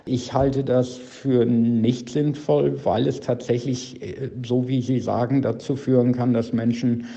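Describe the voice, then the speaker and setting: A male social psychology professor explains things in an interview recording that sounds dull and lo-fi. His voice is very dark and mellow, and he speaks thoughtfully, with "äh" fillers and small restarts. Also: mid-range voice, flat delivery, measured pace, gravelly.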